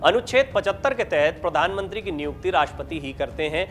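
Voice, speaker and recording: A man narrating a scripted news report in a steady, formal, explanatory read. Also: fairly high pitch, fast. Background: faint background music.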